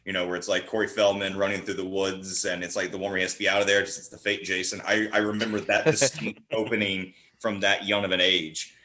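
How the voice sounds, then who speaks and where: A horror writer and performer chats casually as a podcast guest, informal and emphatic like an eager fan. He talks fast in a low, level voice with hardly any pauses, and his tone is bright and forceful.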